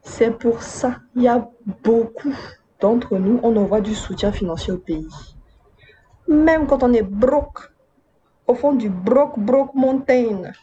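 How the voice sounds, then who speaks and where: Speaking slowly in a slightly high, warm voice, a woman delivers casual commentary to her viewers, full of chatty, wry, slangy asides. She's a video essayist from Madagascar, raised in Côte d'Ivoire and France. The sound is lo-fi with a bit of hiss or hum.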